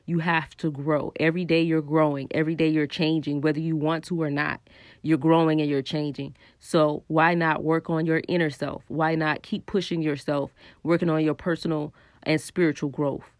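In a low voice with little pitch movement, a woman talks at normal speed in clean studio sound with no echo. Hosting her own podcast through a cold, stuffy and scratchy-throated, she offers a casual, earnest, encouraging monologue on spiritual growth, filled with ums as she thinks aloud.

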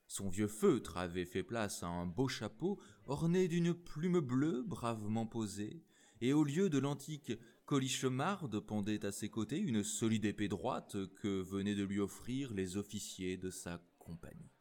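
A man reading a storybook aloud in an expressive, animated narration. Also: on the low side.

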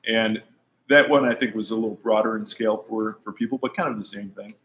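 A man hosting an online talk show, chatting casually and relaxed, with fillers and restarts. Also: lowish voice, fairly quick, slight background noise. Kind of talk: casual chat.

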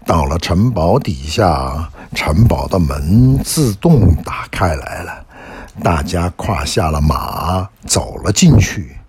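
A man telling a bedtime story to a child, gently asking them questions along the way. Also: sits low, very animated, slow pace, slight background noise.

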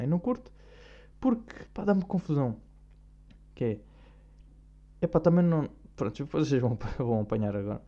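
Young man, European Portuguese accent, mellow dark tone, dull lo-fi sound, rambling casual podcast talk. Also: on the high side. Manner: rambling, heavy with slang and fillers. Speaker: podcast host. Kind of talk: casual monologue. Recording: dull lo-fi recording.

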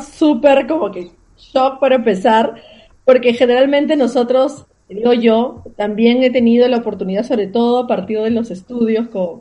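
Mellow-voiced woman guest from Peru. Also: a little high. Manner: thoughtful, hesitant, laughs easily. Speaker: podcast guest. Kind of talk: conversational interview. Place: Lima, Peru.

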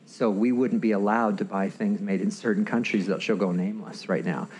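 A man's voice: fairly low pitch, a little fast, poor audio. A man co-hosting a casual podcast conversation, rambling and restarting as he tells stories. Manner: rambling, self-interrupting, animated storytelling. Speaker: podcast co-host.

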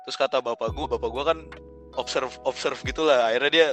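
A man's voice: medium pitch, quick pace, fairly bright tone, faint music behind. A young man telling a story in slangy casual chat, rambling and laughing as he goes. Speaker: guest storyteller.

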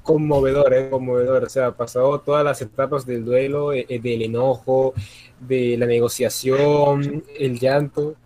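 A man's voice: mid-range voice, flat delivery, a little slow, mellow. A man hosting a comedy podcast, commenting with ironic, mock-solemn remarks. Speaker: podcast host.

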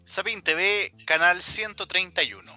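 A man's voice: sits high, moderate pace, bright, forceful tone, soft background music. A man, a radio studio controller chatting casually as the show's off-screen voice.

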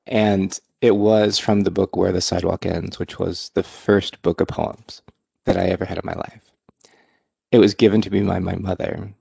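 A man, a co-author hosting the talk, speaking in a relaxed way with many fillers. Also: low-pitched, creaky, husky, no echo. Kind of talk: casual conversation.

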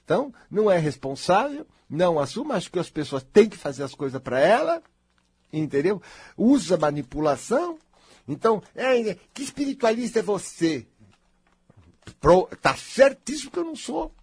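A man with a husky voice gives a blunt, emphatic spiritual talk to an audience, often swelling to near-shouts. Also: high-pitched, big pitch swings, moderate pace, no echo, clean studio sound.

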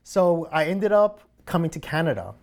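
A young man tells a long personal story in relaxed conversation. He talks in an easygoing, chatty way and laughs often, with plenty of fillers and restarts. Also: fairly high pitch, moderate pace, creaky. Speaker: guest sharing a mattress story. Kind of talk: casual chat.

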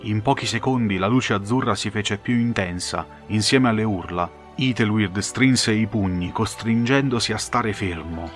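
A man narrating a fantasy audiobook in a measured, dramatic storytelling manner. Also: lowish voice, faint music behind.

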